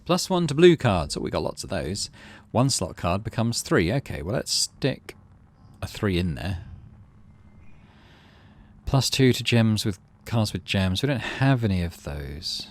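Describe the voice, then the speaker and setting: A gaming video host gives casual let's play commentary, thinking aloud about his choices and reading the game's text. His voice is fairly low, swings widely in pitch, and moves a little slowly.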